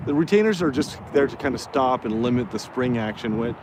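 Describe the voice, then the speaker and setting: Male hobby pilot, mid pitch, rambling off-the-cuff flight commentary, noisy windy outdoor recording. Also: lively intonation, fairly quick. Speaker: radio-control plane vlogger. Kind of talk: casual live commentary while flying a model plane. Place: outdoors by a road in wind. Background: wind and outdoor motor noise.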